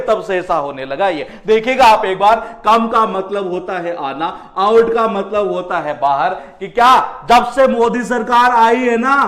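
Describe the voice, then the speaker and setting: High-pitched guy teaching a class, keeps repeating stuff and asking questions back, roomy echo. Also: a bit bright. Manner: repetitive explaining with rhetorical questions. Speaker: English teacher. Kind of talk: classroom lesson.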